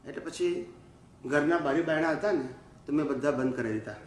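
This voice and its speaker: A man, a spiritual teacher, telling lively personal anecdotes at a satsang, often chuckling and mixing in English phrases. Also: a little high, moderate pace, roomy sound, slight background noise. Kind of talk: storytelling at a satsang. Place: gathering room in the USA.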